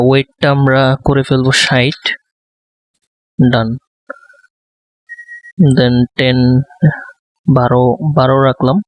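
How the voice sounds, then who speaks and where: A man giving a design tutorial, speaking softly close to the microphone and thinking aloud with many fillers. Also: medium pitch, dry recording. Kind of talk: live screen-recorded tutorial.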